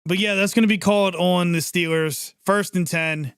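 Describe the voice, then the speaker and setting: A man with a fairly high voice gives live play-by-play reaction commentary, excitable and chatty and quick to react to every play. The sound is dry and close, with no room echo. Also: gravelly, clean tone. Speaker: livestream sports reaction host.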